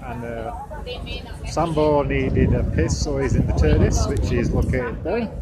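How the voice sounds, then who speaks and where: A man's voice: medium pitch, a little slow. A man chatting casually and cheekily to viewers as he films a road-trip vlog outdoors. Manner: chatty, cheeky and sweary, addresses viewers directly. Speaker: vlogger. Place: outdoors, roadside, airport and stadium. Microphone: handheld camera. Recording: loud outdoor noise with traffic and jets.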